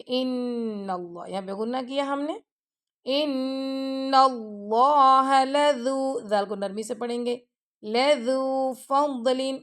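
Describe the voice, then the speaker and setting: A woman teaching Quran recitation, chanting verses slowly and then explaining the rules quickly. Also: mid-range voice, darkish tone. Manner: slow drawn-out recitation alternating with quick explanations; repeats phrases and checks with "theek hai". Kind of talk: tajweed lesson, recitation with explanation.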